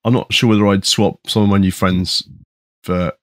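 A man's voice: sits low, steady tone, moderate pace, no room sound. A man co-hosting a podcast, speaking conversationally with dry, bantering humour. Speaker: podcast co-host. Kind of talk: casual panel chat and scripted introduction.

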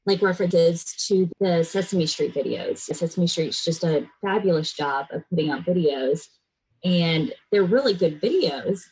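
A middle-aged American woman, raised in a military family abroad and in Florida, speaks earnestly and bluntly in a serious conversational interview with emphatic delivery. Her lowish voice has a dark tone and a breathy edge, and the recording is rough.

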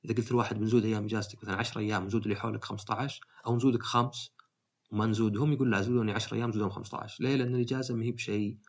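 A man's voice: on the low side, level tone, very fast. A man, talking casually as a podcast host and rambling through his thoughts with many fillers. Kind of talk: casual monologue.

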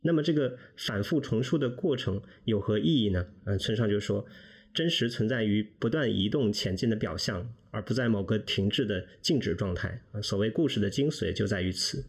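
A man in a podcast book discussion, speaking in a measured, reflective way. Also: on the low side, lively intonation, slightly rough. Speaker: podcast guest, reader. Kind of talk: casual discussion.

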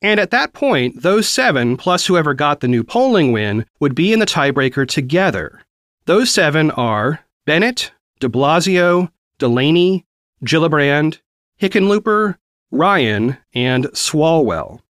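A man narrates a news podcast as its host. He explains in a conversational way with small asides, in a slightly high, very animated voice. The recording is close and dry. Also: a little slow, dry recording.

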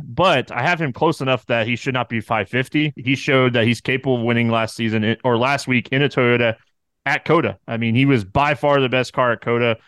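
A man's voice: mid-range voice, fairly bright tone, no room sound, studio quality. A man giving casual analysis as a sports betting podcast regular.

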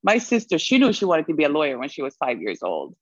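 Low-voiced woman, dry muffled audio. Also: wildly swooping pitch, quick pace, slightly rough, dry recording. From Sweden. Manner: reflective, laughs often. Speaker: guest. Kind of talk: conversational interview.

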